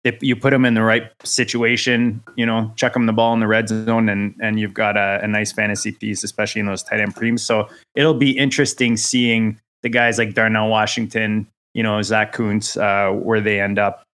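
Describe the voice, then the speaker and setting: A man appearing as a guest on a casual sports podcast, talking in a halting way, often repeating words and joking about himself. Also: fairly low pitch, little pitch movement, a bit bright.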